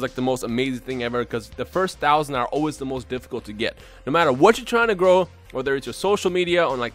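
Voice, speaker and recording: A young man from Bosnia, a YouTuber talking unscripted to his viewers in an excitable, rambling way with lots of restarts. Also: on the high side. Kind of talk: unscripted casual vlog talk.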